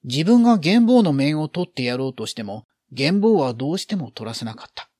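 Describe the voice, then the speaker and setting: A man's voice: on the high side, sing-song, a little fast, darkish tone, dry recording, clean studio sound. A man reading a literary story aloud, expressively acting out the feelings in the narration.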